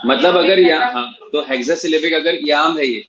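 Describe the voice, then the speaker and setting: A man with a high voice teaches an English literature class in a classroom that is also streamed online. He switches between Hindi and English, spells out terms letter by letter and repeats each point for his students. The recording sounds dull and lo-fi. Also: normal speed, a bit bright.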